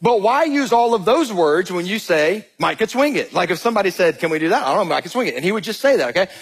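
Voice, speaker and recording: A pastor in his thirties from Georgia preaches fast in a high-set, slightly husky voice with a Southern drawl. His sermon is built on animated, jokey storytelling, and he addresses the crowd as "y'all."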